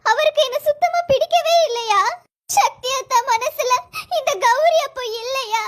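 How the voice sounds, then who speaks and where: A stubborn young wife with a piercingly high, bright voice. She snaps quickly when angry. She sounds squeaky and cartoonish. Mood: hurt. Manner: scolding, then softening.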